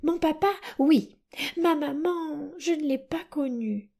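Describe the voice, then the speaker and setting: A woman voicing a young wooden puppet boy in an audiobook, high and pleading. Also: takes it slowly, gravelly, a little mellow, heavily acted. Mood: earnest. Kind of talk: audiobook character reading.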